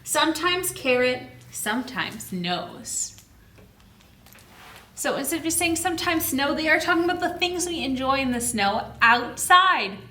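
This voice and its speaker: Reading a picture book to children, a woman uses plain teacher-style phrasing and answers her own questions. She speaks unhurriedly in a high, bright, forceful voice with big pitch swings, recorded from a distance in an echoey space with slight background noise.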